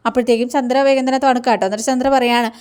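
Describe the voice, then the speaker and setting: Woman, serial recap, brisk delivery, smooth clear voice, slightly high. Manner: fast, animated retelling with frequent fillers. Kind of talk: retelling a TV serial episode, voicing each character's lines.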